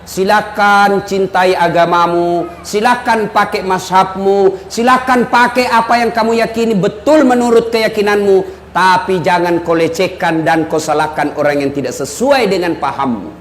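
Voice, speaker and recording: A male preacher giving a joking live sermon, shouting to stress his points. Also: sits high, normal speed, a little hiss or hum. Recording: echoey hall with faint audience ambience.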